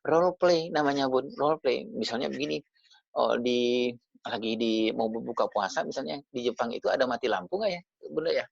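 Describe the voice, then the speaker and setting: Gravelly-voiced man giving a parenting talk. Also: medium pitch, a little fast, no room sound. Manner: chatty, addresses listeners directly with tag questions. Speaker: parenting speaker. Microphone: video call. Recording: dull lo-fi video call audio.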